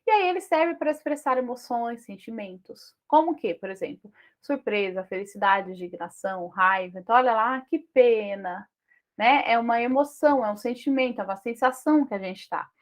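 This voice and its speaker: A woman teacher with a Brazilian accent giving a lesson on punctuation, checking in with listeners through frequent tag questions and reading example sentences slowly. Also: a little high. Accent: Brazilian Portuguese.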